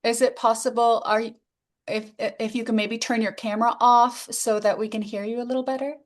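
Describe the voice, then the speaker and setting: A woman's voice: on the high side, level tone, fairly quick. A woman hosting a webinar over a video call, speaking politely and apologetically when she breaks in. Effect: video call audio. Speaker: webinar host.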